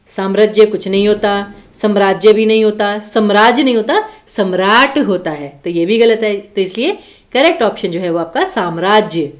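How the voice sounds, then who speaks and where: Young woman teacher going through exam questions, slightly high voice, says each word slowly over and over. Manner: explains step by step, repeats words slowly for spelling. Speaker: Hindi teacher. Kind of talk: exam prep lecture.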